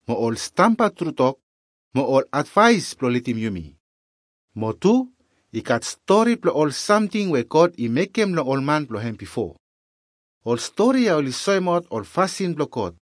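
Lively Melanesian man teaching Bible lessons. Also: on the high side, no room sound, clean studio sound. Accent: Melanesian Pidgin. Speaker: Bible study presenter. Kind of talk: scripted Bible lesson narration.

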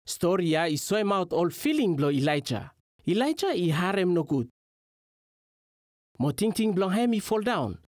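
A man delivers a Bible teaching talk in a Melanesian pidgin accent from Vanuatu. His pitch moves in a lively, expressive way, and the sound is dry and close. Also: moderate pace, no room sound. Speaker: religious teacher.

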